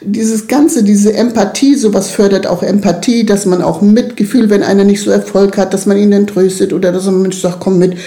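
A woman's voice: medium pitch, steady tone, moderate pace, few pauses, mellow. A middle-aged woman leading a children's club, talking earnestly and emphatically in an interview, often checking in with "ne?". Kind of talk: interview conversation.

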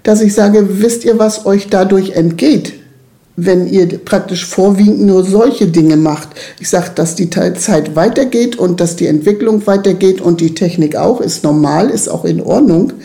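A middle-aged woman with a gravelly, mellow voice speaks in an earnest, emphatic way. She is being interviewed about her work with children and keeps checking that her listener agrees. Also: mid-range voice, unhurried. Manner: earnest, emphatic, often asks "ne?". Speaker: children's club leader. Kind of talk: interview conversation.

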